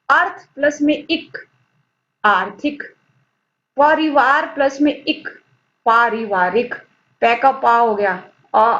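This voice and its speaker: A woman teaching a grammar lesson online, patiently explaining and answering her own questions as she points at the screen. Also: on the high side. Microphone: screen-recorded lesson. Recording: dull lo-fi audio.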